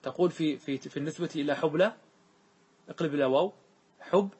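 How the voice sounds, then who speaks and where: A man's voice: fairly high pitch, fast, a little mellow, slightly rough. A man teaching a grammar lesson, patiently repeating examples and checking that his students follow. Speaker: teacher explaining Arabic grammar. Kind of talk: classroom lesson on a grammar poem.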